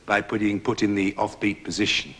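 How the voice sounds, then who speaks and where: A man directing actors and explaining verse rhythm in a measured, precise way, sometimes tapping out beats. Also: fairly low pitch, steady tone, fairly bright tone. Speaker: director teaching verse speaking.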